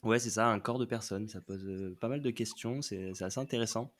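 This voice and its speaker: A man, a podcast guest, explaining a series in a casual, hesitant way with many pauses. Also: on the low side. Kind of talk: casual chat.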